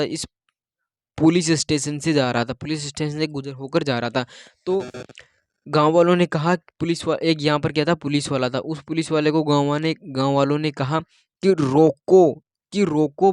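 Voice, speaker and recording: A man's voice: on the high side, clean tone, no room sound, studio quality. A man teaching an exam-prep lecture, explaining step by step, repeating his points and checking in with his listeners often. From India. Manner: repetitive, checks in with 'ठीक है?' often.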